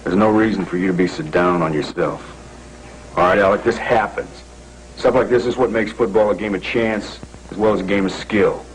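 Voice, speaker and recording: Guy acting as a firm steady coach, lowish voice, old tv soap hiss. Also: moderate pace, natural voice, rough recording. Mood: encouraging. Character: football coach, firm but encouraging. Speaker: actor in a soap opera. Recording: old TV recording with faint hiss.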